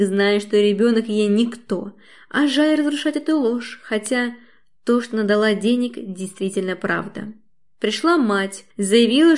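A woman's voice: mid-range voice, darkish tone. A woman reading a novel aloud in the first person, with intimate, emotional storytelling. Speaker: audiobook narrator. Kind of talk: first-person audiobook narration.

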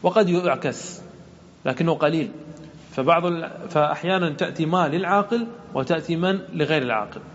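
A man teaching an Arabic grammar lesson as a sheikh. He explains patiently, repeats forms to drill them, and slows down to recite verses and example sentences. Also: a little high. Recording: dull lo-fi recording with faint hiss.

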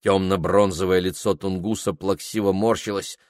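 A man narrating an audiobook in a measured, literary reading manner. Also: low-pitched, level tone, dry recording, studio quality.

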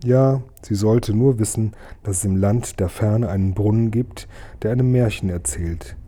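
A man reading a children's storybook aloud in a gentle, measured narrating voice. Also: lowish voice. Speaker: audiobook reader.

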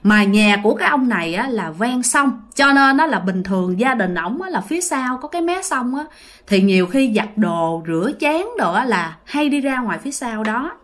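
A woman storyteller narrates a ghost story in a chatty, casual way, turning to her listeners often. Her voice is high, with a lively, swooping pitch. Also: moderate pace. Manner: chatty, addresses listeners as "các bạn".

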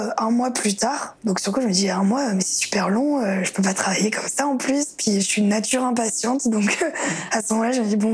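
A young woman with a very breathy, husky, mid-range voice that is a little mellow recounts her experiences in a testimony-style interview. She pauses to reflect and relies heavily on fillers as she talks.

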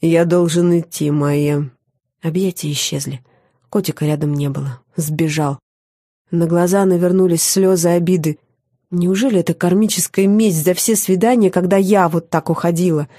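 A woman reading a first-person audiobook on a close studio mic, intimate and expressive, often softening to a hush. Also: lowish voice, normal speed, slightly rough, no echo. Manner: intimate and expressive, dropping to a soft hush in tender moments. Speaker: audiobook narrator.

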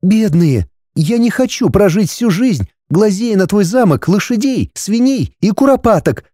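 A man voicing a sharp-tongued young woman from the modern world, speaking high and exclaiming. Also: expressive, measured pace, no echo, studio quality. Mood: demanding.

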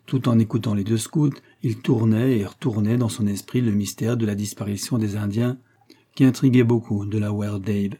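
Un narrateur de livre audio, lecture posée et régulière, voix grave et feutrée au grain légèrement voilé. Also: male voice, on the low side. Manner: steady, measured. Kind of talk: audiobook reading of an adventure novel.

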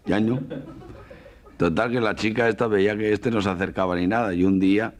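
A man's voice: on the low side, steady tone, fast talker. A man from Spain telling jokes as a comedian in a chatty, laughing storytelling manner. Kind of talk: joke telling, stand-up.

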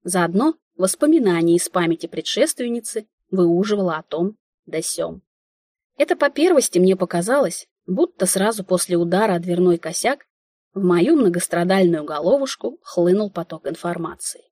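A woman narrating a first-person audiobook in a wry, lively inner-monologue manner. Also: on the low side, normal speed, dry recording, studio quality.

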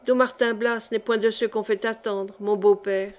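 A woman voicing a cold, calculating male seneschal in an audiobook, measured and insinuating. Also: medium pitch, steady tone, natural voice. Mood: sinister. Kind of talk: audiobook character reading.

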